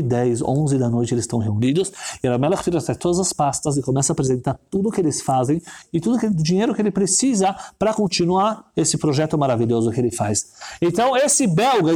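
A man telling a religious story, animated and repetitive, building suspense. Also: on the high side.

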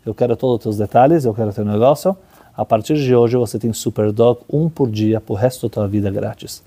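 A man telling a story in a sermon, an animated storyteller who voices the characters in the dialogue. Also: on the low side, a little fast. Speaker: religious teacher.

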